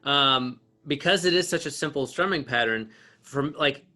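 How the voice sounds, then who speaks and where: A man's voice: mid-range voice, moderate pace, pushed and bright. A man teaching an online acoustic guitar lesson, explaining with restarts and fillers and counting beats aloud while he plays. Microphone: video call.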